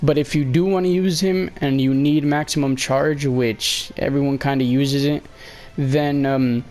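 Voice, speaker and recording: This gameplay commentator is a young man whose medium-pitched, slightly mellow voice stays steady and a little slow. Being slightly sick, his voice is fading as he casually walks through the game, hesitating, rambling, and leaning on fillers.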